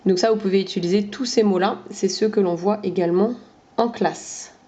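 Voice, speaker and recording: A woman teacher calmly explaining step-by-step phonics games for parents to play with their children. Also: medium pitch, normal speed. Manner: clear, methodical, demonstrating with hand gestures. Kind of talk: explanatory lesson. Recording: dull lo-fi recording.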